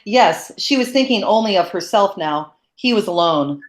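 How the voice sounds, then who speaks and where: A woman reads a novel aloud in a steady, even, measured way. Her voice sits at medium pitch, and the recording has a roomy echo.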